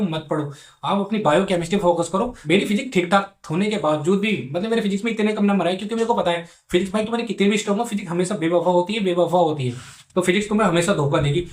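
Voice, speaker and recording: Young male vlogger, higher-pitched, very fast and repetitive, earnest mentor tone. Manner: rapid, earnest, repetitive, addresses viewers as bhai sahab. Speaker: medical student giving exam advice. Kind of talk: casual advice vlog.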